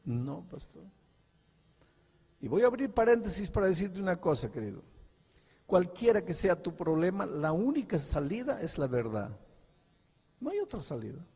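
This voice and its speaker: A middle-aged male pastor preaching a sermon, telling a story and moving from hushed, intimate passages to impassioned ones. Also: high voice, very animated, normal speed, breathy edge. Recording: long hall reverb.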